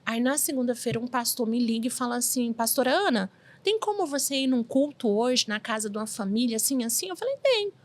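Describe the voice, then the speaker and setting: Woman in her 40s, interview guest, lively storyteller who acts out quotes, slightly high voice. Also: fairly quick. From Brazil.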